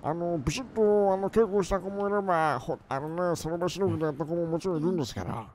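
A man chatting in character during a game roleplay, excitable and theatrically polite, given to big exclamations. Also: on the high side, fast talker, a little hiss or hum.

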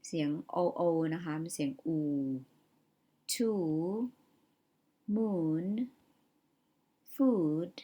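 Slow-paced woman teaching English vowels. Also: lowish voice, warm tone, muffled recording. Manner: says each English word slowly, often more than once, stretching the vowel. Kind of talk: slow vocabulary lesson with spoken word examples.

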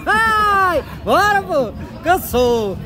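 Filming a street market and the town's streets from behind a handheld phone, a Northeastern Brazilian man from inland Pernambuco chats casually and teasingly, full of slangy exclamations. His voice is extremely high, sing-song, and extremely slow, with loud music behind it. The outdoor recording is noisy, with crowds and vehicles.

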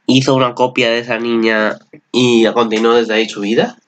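A man's voice: medium pitch, flat delivery, moderate pace. A man with a Spanish accent from Spain giving casual, rambling reaction commentary on an anime, swearing often.

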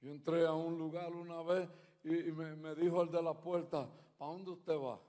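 A man preaching a sermon with stories, switching between loud declarations and quiet, conversational telling. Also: on the high side, flat delivery, moderate pace, long reverb tail. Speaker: pastor. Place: large church hall.

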